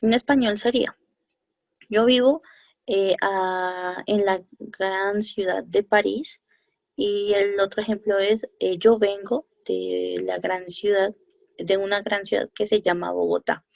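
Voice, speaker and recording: Brief: woman French teacher, gravelly edge, starts and restarts, dull dry lo-fi recording. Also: medium pitch, fairly even intonation, no room sound. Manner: halting, many fillers and self-corrections. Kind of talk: recorded lesson over slides.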